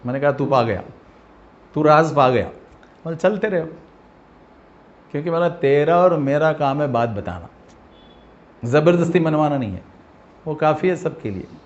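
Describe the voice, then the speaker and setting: A man giving an emphatic, informal sermon that swings from loud to quiet. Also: fairly high pitch, animated, pauses often. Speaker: preacher giving a weekly talk. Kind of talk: informal sermon with acted anecdotes. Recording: dull lo-fi recording.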